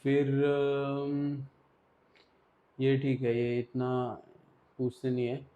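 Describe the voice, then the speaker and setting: A man's voice: mid-range voice, little pitch movement, drawn-out words, warm tone. A man teaching an exam revision lesson in a casual, directive way, often checking in with his students. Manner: casual, directive, Hindi-English mix, repeats "ठीक है".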